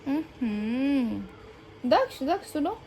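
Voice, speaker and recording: A woman's voice: high-pitched, sing-song, very slow, darkish tone. A young woman, a mother vlogging at home, coaxing and scolding her small children and chatting to viewers. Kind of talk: casual home vlog. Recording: noisy home recording.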